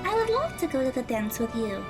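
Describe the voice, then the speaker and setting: A woman performs a kind, polite teenage schoolgirl in an audio drama, using an extremely high, girlish voice that is gentle and earnest yet brisk and sing-song. The mood is friendly and cheerful, with music clearly audible behind her.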